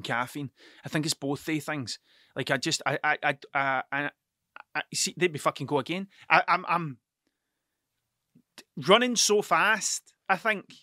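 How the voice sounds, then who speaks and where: A man's voice: fairly high pitch, pushed and bright, no echo, clean studio sound. A tired man rambling through a solo podcast, swearing often and stuttering over his words. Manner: sweary, stuttering, restarts sentences. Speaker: podcast host and mural painter.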